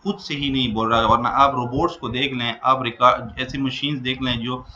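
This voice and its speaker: A man's voice: mid-range voice, steady tone, normal speed, bright, forceful tone, slight background noise. A man giving a lecture, explaining slides and reading English definitions aloud. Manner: mixes English definitions read aloud into Hindi-Urdu explanation. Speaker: teacher. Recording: dull lo-fi sound, faint ambience.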